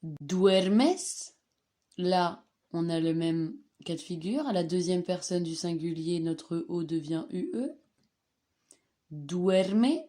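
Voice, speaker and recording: A woman's voice: on the low side, animated, slow, dark tone. A woman teaching a slide-based grammar lesson, patiently repeating and stressing each conjugated form. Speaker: Spanish teacher.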